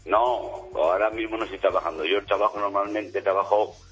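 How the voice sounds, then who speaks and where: A man in his forties from Spain with a Spanish accent, chatting casually as a radio caller in a husky smoker's voice that sounds like an old man's. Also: lowish voice, fairly even intonation, a little fast, a bit bright, muffled recording, faint music behind. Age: 40s. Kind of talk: casual chat.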